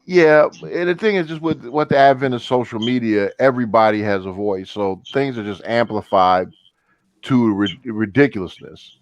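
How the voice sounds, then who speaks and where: A man in his fifties joking and laughing loudly in a casual group chat. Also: mid-range voice, moderate pace, no room sound. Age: 50s. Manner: joking, loud sudden laughs.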